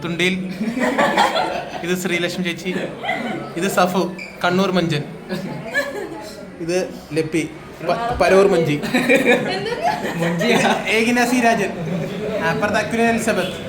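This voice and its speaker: A young man with a high, light voice films his friends on a road trip, chatty and teasing as he calls out each of them to the camera. A crowd of voices chatters around him the whole time. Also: steady tone, slow, long pauses. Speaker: vlogger. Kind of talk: casual travel vlog with friends. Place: among a group on a road trip, by a bus. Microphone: handheld camera. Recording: busy group chatter around.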